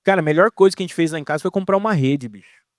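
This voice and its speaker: A young man with a Brazilian accent preaching a casual, slang-filled sermon in an animated way. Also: fairly high pitch, racing, no room sound, clean studio sound. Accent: Brazilian Portuguese.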